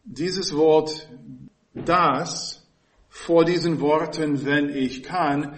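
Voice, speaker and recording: A man giving an expository Bible teaching, explaining the text in a measured way and stressing key words with pauses. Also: on the high side, fairly even intonation.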